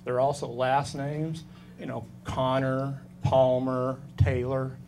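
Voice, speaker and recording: A man's voice: mid-range voice, little pitch movement, slow, a little mellow, a little hiss or hum. A man in his fifties performing a stand-up set, delivering dry, self-deprecating one-liners on a comedy club stage. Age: 50s.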